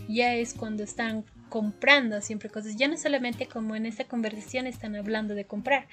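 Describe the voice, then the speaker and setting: A woman's voice: fairly high pitch, fairly bright tone. A woman giving a recorded language lesson as a teacher, explaining patiently and often checking in with her listeners. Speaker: English teacher.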